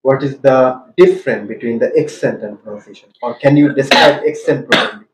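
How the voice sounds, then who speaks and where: A Bangladeshi man tests students in a classroom, asking questions in a calm, steady way and switching between Bengali and English. His voice sits at a middle pitch. The room is echoey with faint background ambience. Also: drawn-out words, noisy background. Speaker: English teacher. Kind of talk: oral test and explanation to viewers.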